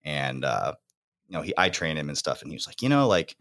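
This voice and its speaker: A man's voice: rumbling low, fairly quick, sharp tone. A young man hosting a fitness podcast in casual, slangy chat, laughing often. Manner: laid-back, laughing, slangy.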